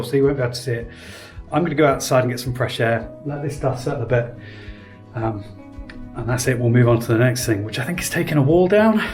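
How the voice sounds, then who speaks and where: A man chats through his house renovation, thinking aloud and wandering from point to point. His voice sits at a middling pitch, easygoing and unpolished. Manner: relaxed, rambling, thinking aloud with fillers. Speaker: home renovation vlogger. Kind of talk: casual vlog commentary. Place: indoor house under renovation.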